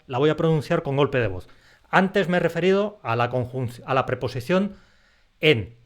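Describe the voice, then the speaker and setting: A man walks through a language lesson in a patient teacherly way, slowing down to spell out example words. His voice sits somewhat high for a man. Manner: clear teacherly explanation, slows down to stress example words. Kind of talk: explanatory online lesson.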